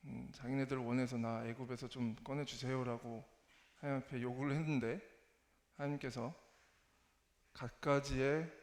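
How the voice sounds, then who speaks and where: A man with a somewhat low voice delivers a personal testimony in church. His speech is hesitant and self-effacing, with frequent pauses as he searches for words. The recording carries a roomy echo and long reverb from a large hall. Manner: halting, hesitant, self-deprecating. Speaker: church member giving a testimony. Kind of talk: church testimony, spoken sermon.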